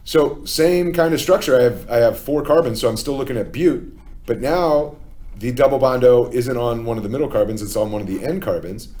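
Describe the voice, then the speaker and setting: A man's voice: medium pitch, brisk, dark tone. A man with a Philadelphia accent, teaching a chemistry lesson step by step and often checking in with "okay?". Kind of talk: classroom lecture.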